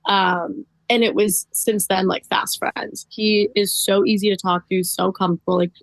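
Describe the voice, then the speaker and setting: A woman's voice: medium pitch, level tone, moderate pace, no room sound. A woman guest in a casual podcast interview, talking chattily with lots of "like" and "um". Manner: chatty, fills speech with "like" and "um".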